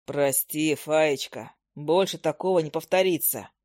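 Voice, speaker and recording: Earnest young hunter guy voiced by a woman, pitched well low, sincere, dry close storybook read. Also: unhurried, darkish tone, dry recording.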